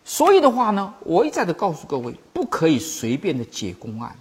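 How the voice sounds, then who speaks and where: A Buddhist teacher giving a teaching talk, telling old stories, acting out the masters' words, and slowly repeating and explaining key phrases. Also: medium pitch, wildly swooping pitch, slightly rough. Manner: storytelling, acting out quoted masters.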